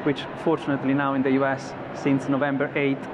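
Speaking briskly in a medium-pitched, completely flat voice, a male executive in his thirties answers interview questions at a broadcast set on a convention floor. He is thoughtful but keeps restarting and filling pauses. The sound is a bit dull, and background noise is plainly heard.

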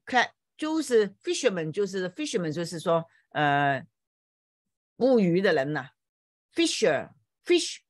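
A woman with a fairly low voice teaches English over a video call. She explains patiently, repeats each word and spells it out letter by letter. The sound is dry and close, with no room around it. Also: dry recording. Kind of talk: online English lesson explained in Chinese. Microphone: computer mic on a video call.

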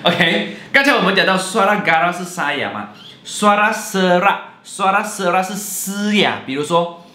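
Male teacher, bright and very expressive delivery, recorded in a roomy space. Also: sits high, normal speed. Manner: animated and jokey, mixing in English and Malay words. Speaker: language teacher. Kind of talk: playful video lesson. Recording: roomy echo.

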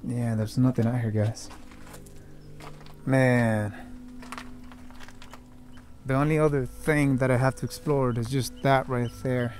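Slow and steady, with long pauses, a man in his twenties speaks in a darkish, medium-pitched voice, a little hiss or hum beneath it. He's exploring an open, brush-covered hillside, casually vlogging and thinking aloud to viewers through a handheld camera at arm's length.

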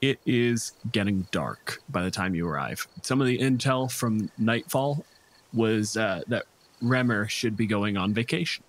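Acting as game master, a man narrates a tabletop role-playing game conversationally, slipping in dry, humorous asides. His voice is fairly low and expressive, and he takes his time. The clean recording sits over a nighttime forest soundscape of crickets and insects.

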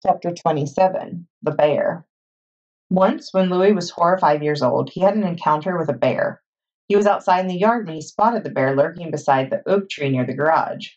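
Low-voiced lady reading a kids' book out loud, husky, muffled lo-fi sound. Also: moderate pace. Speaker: children's librarian reading a chapter book. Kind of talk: read-aloud storytime narration. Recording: dull lo-fi recording.

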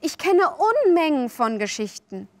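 A woman voicing an eager, excitable young girl who exclaims and pleads in a high voice. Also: measured pace, no room sound. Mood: excited.

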